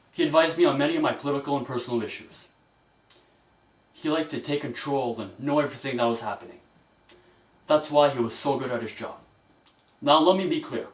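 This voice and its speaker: A man's voice: mid-range voice, close to an everyday voice. A man playing a grieving, scheming king cast as a president, giving a solemn eulogy. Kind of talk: amateur parody speech. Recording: echoey room, mic far off.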